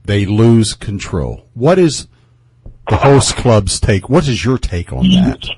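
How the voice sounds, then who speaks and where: A man's voice: lowish voice, huge pitch swings, takes it slowly, background noise. A man with a Midwestern accent hosting a radio interview, rambling with many fillers and restarts. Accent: Midwestern American. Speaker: radio host.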